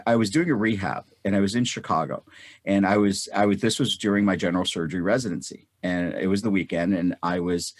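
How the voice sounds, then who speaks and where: A low-voiced, slightly husky man in his fifties, from North India, answers an interview question at length. He stumbles and repeats words as he goes, then gets animated when he acts out what people said. The sound is close and dry. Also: no room sound. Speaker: guest.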